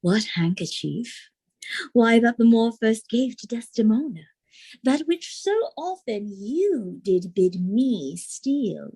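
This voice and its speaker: Woman playing mellow, husky Emilia. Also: fairly high pitch, very animated, slow pace, full character voice. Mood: teasing. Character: Emilia, wary serving wife seeking husband's favour. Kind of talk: Shakespearean audio drama acting.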